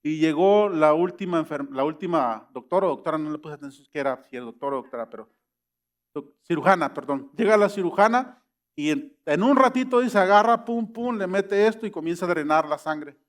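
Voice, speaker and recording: A man's voice: on the high side, animated, fairly quick. A middle-aged man preaching a sermon, acting out quoted voices and rising to emphatic peaks. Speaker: pastor.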